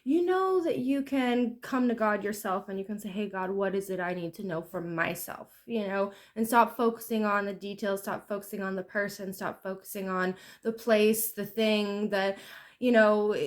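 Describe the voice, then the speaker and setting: A woman's voice: medium pitch, fairly bright tone. A woman giving a casual, rambling tarot reading in a chatty, self-deprecating way. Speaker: tarot reader.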